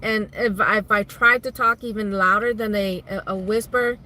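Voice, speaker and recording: A woman's voice: mid-range voice, steady tone, normal speed, pushed and bright. A woman hosting a casual live stream, chatting with viewers and reading their comments aloud as she talks. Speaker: vlog host doing a live stream. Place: inside a car.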